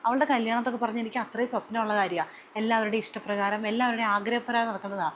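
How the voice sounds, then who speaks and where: A woman's voice: on the high side, fairly even intonation, racing, fairly bright tone, a little hiss or hum, lightly acted. A woman playing an angry, proud elder sister who scolds and objects in a family skit. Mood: stern. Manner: indignant, scolding.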